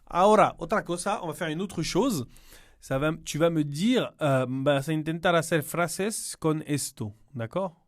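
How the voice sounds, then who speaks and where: A man teaching to beginners, repeating words slowly and explaining in Spanish, patient and clear. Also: on the high side. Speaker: French teacher. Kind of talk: slow, clear language lesson.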